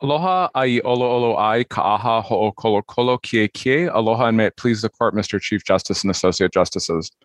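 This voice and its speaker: A man speaking as an attorney in formal oral argument, measured and structured. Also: on the low side, dry recording, clean studio sound. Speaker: appellant's attorney.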